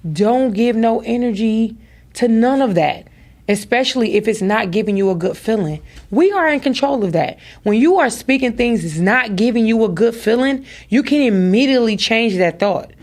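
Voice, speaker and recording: A woman's voice: a little high, lively intonation, moderate pace, darkish tone. A woman and mother hosting a podcast, giving a motivational talk straight to her listeners with emphatic repeated phrases. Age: adult with daughters. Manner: speaks to listeners directly, preacher-like. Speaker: podcast host.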